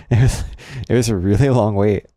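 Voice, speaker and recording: A man's voice: lowish voice, moderate pace, warm tone, no room sound, clean studio sound. A man co-hosting a casual gaming podcast, laid-back and joking. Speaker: podcast co-host.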